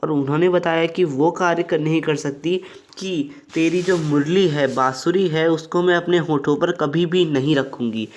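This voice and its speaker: A man's voice: fairly high pitch, normal speed. A young man explaining a Hindi poem line by line in a plain, repetitive way, often calling his viewers friends. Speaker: tutor.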